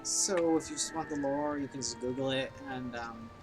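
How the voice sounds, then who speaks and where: A man's voice: mid-range voice, moderate pace, poor audio. A man giving casual gameplay commentary, musing aloud in a rambling way. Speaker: game streamer. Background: music.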